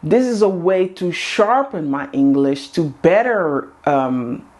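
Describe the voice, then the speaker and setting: Hosting a women's group, a woman whose first language is Dutch delivers an earnest motivational talk to camera in English, repeating coaching lines. Her pitch is fairly low and her tone darkish, and she is expressive but takes it slowly.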